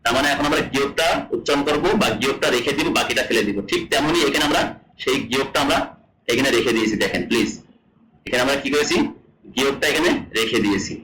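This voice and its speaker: A man's voice: mid-range voice, quick pace, bright, forceful tone, roomy sound, rough recording. A man from Bangladesh teaching a language lesson, repeating each rule and quizzing his students as he explains. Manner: repeats rules and asks the class questions.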